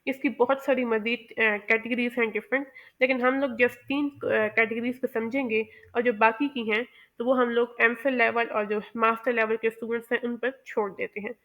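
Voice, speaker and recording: A woman teaching pronunciation, explaining carefully and often pausing with "uh". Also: fairly high pitch, steady tone, muffled recording. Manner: measured and explanatory, with many "uh" pauses. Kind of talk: explanatory lesson.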